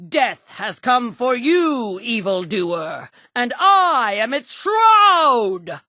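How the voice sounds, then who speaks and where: A woman's voice: fairly high pitch, sing-song, drawn-out words, bright, forceful tone, no room sound, studio quality, heavily acted. A woman voicing a theatrical masked vigilante hero who speaks in grandiose, solemn pronouncements. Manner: grandiose, declamatory. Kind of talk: video game dialogue.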